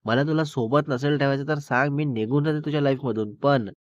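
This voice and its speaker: A man's voice: medium pitch, steady tone, brisk, dry recording, lightly acted. A man voicing a spirited young woman who scolds and pleads with her boyfriend, in a dull, dry recording. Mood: pleading.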